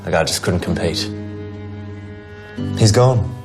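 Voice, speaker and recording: A brash appliance salesman who brags and sneers at his rival. His voice is low, and music plays under the scene. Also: takes it slowly, vocal fry, heavily acted. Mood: cocky. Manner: cocky, boastful. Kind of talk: period TV drama acting.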